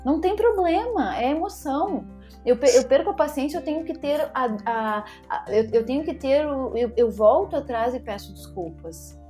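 A woman's voice: sits high, moderate pace, few pauses, warm tone, soft background music. A middle-aged woman, a psychologist talking on a podcast in an emphatic way that repeats rhetorical questions. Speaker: psychologist guest. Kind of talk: podcast conversation.

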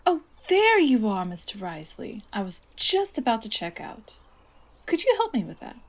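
A woman's voice: on the high side, wildly swooping pitch, moderate pace. A woman playing a seductive devil disguised as a woman in a horror audio drama, knowing, persuasive and coolly in control. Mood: breezy.

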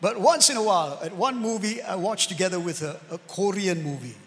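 Male preacher, high gravelly voice, emphatic sermon delivery, reverberant hall. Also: brisk. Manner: emphatic preaching with sudden loud outbursts and asides to the congregation. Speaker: pastor.

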